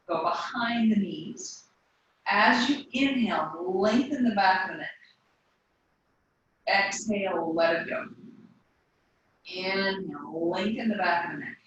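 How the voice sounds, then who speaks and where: A woman leads a yoga class in a studio. She gives calm instructions timed to the breath. Her voice comes from a distance and echoes heavily through the room over a faint hum. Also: mid-range voice, slow, long pauses, highs cut off. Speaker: yoga teacher.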